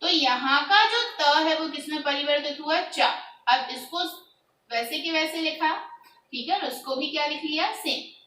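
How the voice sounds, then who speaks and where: A woman's voice: high voice, moderate pace, sharp tone, roomy sound, distant mic, rough recording. A woman teacher giving a grammar lesson, asking her students questions and answering them herself. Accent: Hindi.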